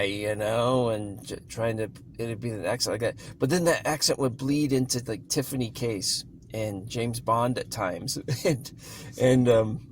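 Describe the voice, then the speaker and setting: Slow, unhurried man reviewing a book. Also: mid-range voice, a little hiss or hum. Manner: rambling and hesitant, with many restarts. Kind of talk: casual spoken book review.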